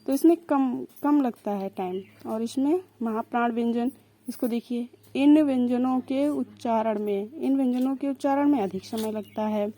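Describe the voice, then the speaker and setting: Young woman teaching, slow patient repeats, mellow and a bit high. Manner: repeats and spells out sounds slowly, explaining patiently. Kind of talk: exam-prep lesson explaining consonants.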